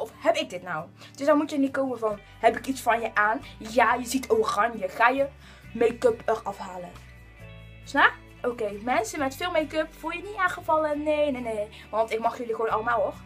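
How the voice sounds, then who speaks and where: A teenage girl vlogging in a casual rant, mocking and acting out the people she complains about. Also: on the high side. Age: teens. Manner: animated, mocking, acts out quoted people. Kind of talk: casual ranting vlog.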